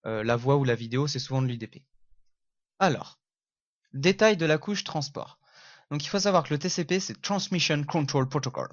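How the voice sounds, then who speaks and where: A man giving a casual lecture on networking, halting with many fillers and self-corrections, and making jokey asides. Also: medium pitch, dry recording. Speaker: networking teacher. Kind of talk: casual spoken lecture over slides. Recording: dull lo-fi sound, dry room.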